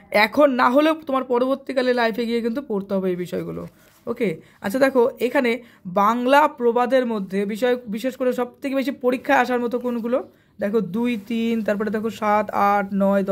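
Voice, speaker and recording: A man runs an exam revision lesson as an online tutor. He talks at a quick pace, listing page numbers and questions in a brisk, instructive way. He keeps coaxing the students directly. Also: very high-pitched.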